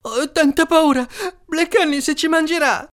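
A woman voicing the frightened youngest boy of a fairy tale in a shrill, whimpering way. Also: a little slow, dry recording, studio quality. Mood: terrified. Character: terrified little boy, whimpering youngest brother.

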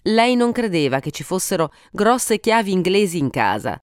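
A woman narrating a story for an audiobook, reading expressively with dramatic pauses. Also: lowish voice, very animated, no room sound, clean studio sound. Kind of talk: scripted narration.

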